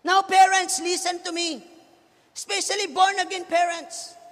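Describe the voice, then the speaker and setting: A Filipino pastor in his thirties, preaching with a very high, bright and forceful voice. He moves between soft, low passages and loud shouts. His voice rings with long reverb, as in a big church hall. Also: little pitch movement, a little slow. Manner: switches between Tagalog and English, swings from hushed to shouting. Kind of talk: sermon.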